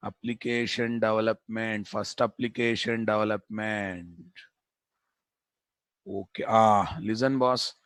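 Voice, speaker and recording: A man's voice: fairly low pitch, fairly even intonation, slow pace, a bit bright, smooth, no echo. Telugu-accented man teaching, dry close sound. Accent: Telugu Indian. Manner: repeats phrases for emphasis, asks and answers own questions; informal, addresses students as boss. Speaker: programming instructor. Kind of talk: live technical lecture.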